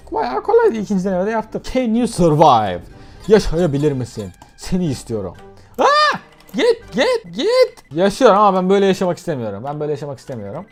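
An excitable young man talks through a game in loose, casual commentary. His voice swings widely and sits slightly high. He breaks into sudden yelps and shouts, with faint music playing under him. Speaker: gaming YouTuber. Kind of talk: casual let's-play commentary.

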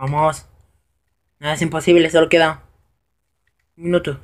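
A man giving casual live commentary over his own gameplay, excitable and prone to high shouts when things go wrong. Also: normal speed.

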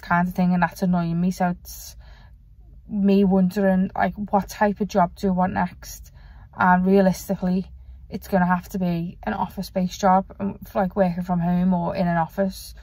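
A woman's voice: lowish voice, little pitch movement, normal speed, mellow, dry recording. A young woman vlogging in casual, rambling chat, self-deprecating and swearing now and then. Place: parked car.

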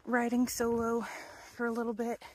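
A woman in her twenties, thru-hiking a wooded mountain trail, talks casually into a phone held at arm's length for her vlog. Her voice sits on the high side, monotone and moderately paced, a little mellow with a breathy edge, and she uses lots of ums with some near-whispered asides. The recording is dry.

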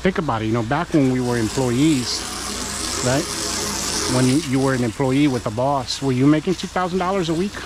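Talking a little fast at medium pitch, the host of a pressure washing channel coaches his audience in a chatty, encouraging way as he cleans a house outside. Noise from the outdoor setting comes through.

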